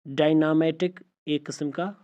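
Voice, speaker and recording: Man teaching English vowels, slow repetition. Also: fairly high pitch, fairly even intonation, clear, resonant tone. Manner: slow, repeats example words one by one. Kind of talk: spoken language lesson. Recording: slightly dull lo-fi audio.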